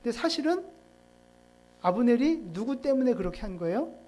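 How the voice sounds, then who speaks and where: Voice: mid-range voice, big pitch swings, moderate pace, dark tone. A pastor preaching a sermon in a church in a conversational way, putting questions to the congregation. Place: church sanctuary.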